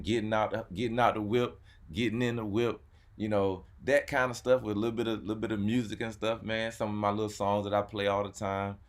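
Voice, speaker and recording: Deep-voiced and easygoing, the man hosts a YouTube car channel and just chats casually, repeating words and using "man" frequently.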